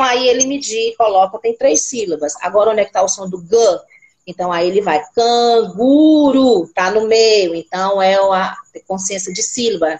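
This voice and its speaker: Brazilian woman teacher, patient and didactic, spells out sounds. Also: mid-range voice. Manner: didactic, repeats words slowly, asks rhetorical questions. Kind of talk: explaining classroom activities.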